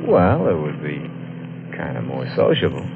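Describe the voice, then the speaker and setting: Playing a colloquial working-class twentysomething narrating a 1950s noir radio drama in the first person, this actor uses a very deep, gravelly, exaggerated voice with huge pitch swings at normal speed. He sounds casual but uneasy, and the muffled old recording carries music and a noisy background.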